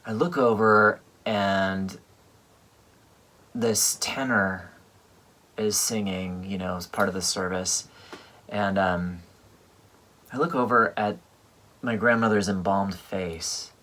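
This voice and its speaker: A composer telling a personal story in a rambling, halting way, full of fillers. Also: male voice, deep voice, fairly even intonation, fairly bright tone. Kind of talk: casual storytelling monologue. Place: home livestream at a piano.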